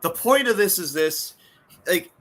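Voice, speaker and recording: A man's voice: high voice, lively intonation, a little slow, fairly bright tone. A man in casual chat, rambling and stammering with lots of repeated words. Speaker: fan voice actor, co-host.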